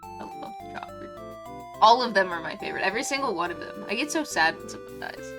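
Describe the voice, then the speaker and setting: Gushing and poking fun at herself, a streamer gives chatty live commentary on a visual novel she's reading. Her medium-pitched voice is animated and brisk, with music playing behind her.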